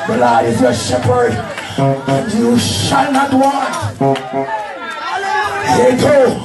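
A male pastor preaches at a pulpit microphone with a very high, lively voice. He drags his words out slowly while shouting scripture and firing off gunshot noises. The sound is roomy and distant, with loud music and a noisy congregation behind him. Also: over a noisy crowd. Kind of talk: fiery shouted sermon. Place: church. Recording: echoey church heard from far off.

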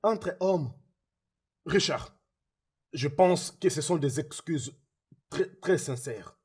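A husky, pleading penitent. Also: male voice, fairly high pitch, takes it slowly, a little mellow, exaggerated voice. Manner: pleading, repeating apologies, swearing oaths. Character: remorseful man begging a friend's forgiveness. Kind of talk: French dub of a film.

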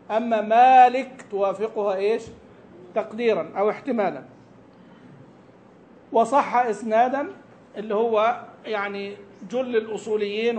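A male Quran recitation teacher explaining a tajweed text to his students. He asks the class questions and answers them himself, and slows down to model words carefully, syllable by syllable. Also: high voice, a little mellow, slight background noise. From Saudi Arabia. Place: mosque lesson hall.

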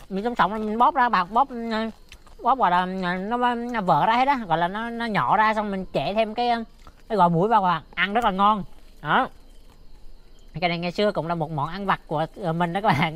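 A man's voice: high-pitched, fairly bright tone. A young man in a casual vlog, chatting to his viewers from a small tent on a rooftop with lots of fillers. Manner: chatty, keeps addressing viewers, many fillers. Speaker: vlogger.

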